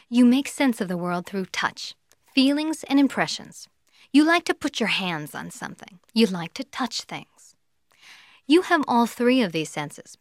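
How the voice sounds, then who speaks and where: A woman's voice: mid-range voice, no echo, studio quality. A woman giving an instructional talk on sales rapport, playful and given to acting out the voices she describes, with a light laugh between points. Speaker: sales trainer.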